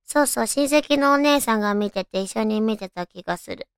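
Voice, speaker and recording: Female radio host, high cute anime-girl tone, very clear with noticeable fry, chatty and informal. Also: expressive, fairly quick, no echo, clean studio sound. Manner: chatty, musing aloud to listeners. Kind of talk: casual solo radio chat.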